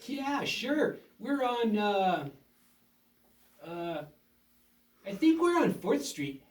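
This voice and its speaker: Performer as a young boy puppet, cheerful, trusting, reassuring, lively intonation, children's show, distant echoey mic. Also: mid-range voice, drawn-out words. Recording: roomy echo, distant mic.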